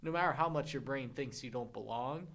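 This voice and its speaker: A man's voice: mid-range voice, a little fast. A young man co-hosting a podcast, explaining his point steadily in casual chat. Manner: steady, explains with sports analogies. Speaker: podcast co-host.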